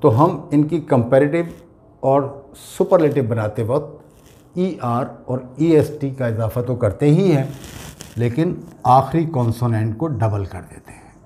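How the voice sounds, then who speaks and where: Slow, patient male grammar teacher with Urdu accent. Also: mid-range voice, animated, mellow. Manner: slow, patient explaining, spelling words out letter by letter. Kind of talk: classroom grammar lesson.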